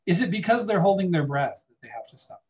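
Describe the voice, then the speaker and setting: A man's voice: high-pitched, sing-song, fast, darkish tone. A man teaching a biology lecture in a classroom, chatting with the class and asking students questions. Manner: conversational, asks the class questions.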